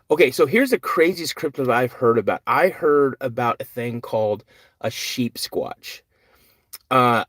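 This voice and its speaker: An older American man hosts a live podcast, reading chat questions and answering them in a rambling, earnest way and correcting himself as he goes. His voice is medium-pitched, the recording dry, and the feel that of a casual live-stream chat.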